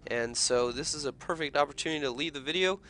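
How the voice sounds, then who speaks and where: A man's voice: on the high side, quick pace, a bit bright. A man making sarcastic, joking asides as he comments on his own game playthrough. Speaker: let's play commentator.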